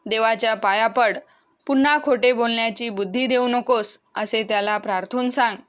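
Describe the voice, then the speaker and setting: Storybook mother, loving but strict, voiced by the woman narrator. Smooth, clear delivery. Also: fairly high pitch, fairly even intonation, normal speed, a bit bright, lightly acted. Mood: firm. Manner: firm, admonishing.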